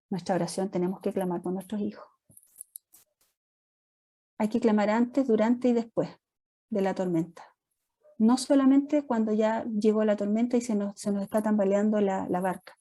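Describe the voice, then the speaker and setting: A middle-aged woman pastor with a Chilean accent gives a conversational church teaching talk to parents, telling lively stories and acting out family dialogues. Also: medium pitch. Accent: Chilean Spanish. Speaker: pastor leading a parents' workshop.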